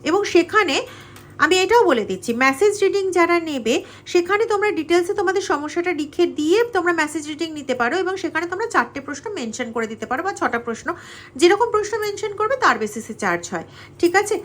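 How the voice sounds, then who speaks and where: High, bright-voiced Bengali woman reading tarot. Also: expressive, fast talker. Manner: earnest, addresses listener directly with coaxing asides. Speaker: tarot reader. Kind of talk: tarot reading monologue to viewers.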